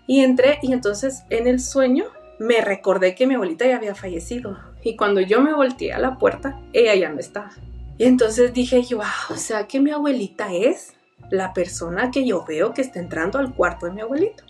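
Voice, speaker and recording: Young woman, earnest halting storyteller, a little off-mic, soft music under. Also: a little high. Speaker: guest telling a personal story. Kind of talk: personal paranormal testimony. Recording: voice a bit far from the mic, faint music behind.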